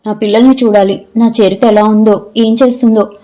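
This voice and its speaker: A woman's voice: mid-range voice, steady tone, brisk, mellow, natural voice. A woman voicing an overjoyed, homesick housewife. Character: homesick middle-aged housewife, emotional.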